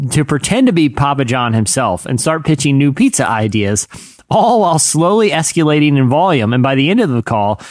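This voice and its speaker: A man's voice: medium pitch, dry recording, studio quality. A man co-hosting a podcast, rambling and hesitant with lots of fillers, joking around. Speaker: podcast co-host. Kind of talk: casual podcast banter.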